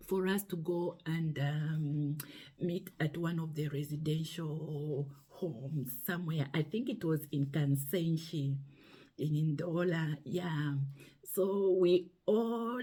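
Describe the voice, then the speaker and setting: Husky woman from Zambia, middle-aged, chatty vlog storytelling, lowish voice. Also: warm tone. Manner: chatty, hesitant with frequent fillers. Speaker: nurse sharing her story.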